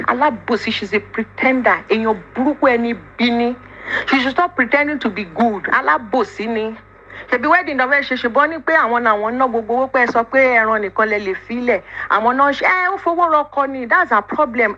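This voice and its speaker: A woman's voice: on the high side, bright, forceful tone. Nigerian woman in a dull voice message. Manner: accusing, emphatic, mixes in Yoruba. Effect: voice message played back. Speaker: sender of a voice note. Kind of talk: angry personal voice message. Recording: dull lo-fi voice note with faint noise.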